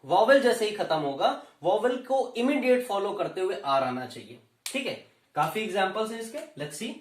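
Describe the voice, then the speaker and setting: A man with an Indian accent giving a lecture, explaining slowly and repeating key terms as he moves between Hindi and English. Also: high voice, very animated. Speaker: teacher. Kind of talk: classroom lecture. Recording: roomy echo, voice from a distance.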